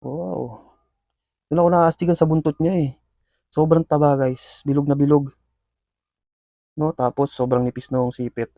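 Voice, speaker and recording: A man who keeps pet scorpions and hosts videos chats casually with his viewers as he feeds them, calling the action with excited play-by-play and plenty of fillers. His voice is a little high and gravelly, at a normal speed with frequent pauses, and there's no echo.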